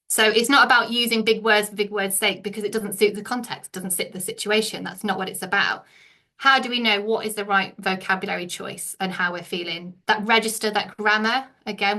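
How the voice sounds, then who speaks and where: A woman's voice: mid-range voice, sharp tone. A middle-aged woman with an English accent, presenting a teacher training session and explaining points while asking the room many questions.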